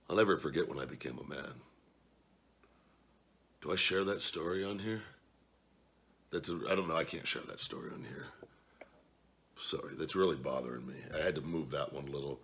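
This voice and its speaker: A man in his forties hosts a casual vlog from his living room at night, sitting at a table and reading viewer comments into a desk camera. He's blunt and foul-mouthed, swinging between quiet mutters and loud outbursts.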